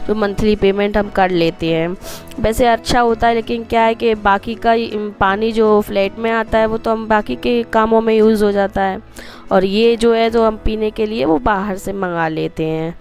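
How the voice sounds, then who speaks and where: Hoarse from a cold, a female vlogger with a Madhya Pradesh Hindi accent talks viewers through her day in a warm, chatty way, wandering into side remarks. Her voice is a little high.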